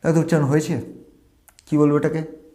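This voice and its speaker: A man's voice: on the high side, flat delivery, fast, dark tone. Bengali man teaching English pronunciation. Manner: drills words syllable by syllable, asks viewers questions. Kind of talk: teaching lesson to viewers.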